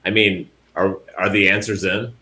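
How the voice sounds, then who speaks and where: Low-voiced man making dry jokes. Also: little pitch movement, moderate pace, bright, forceful tone. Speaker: podcast co-host. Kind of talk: casual live watch-party chat.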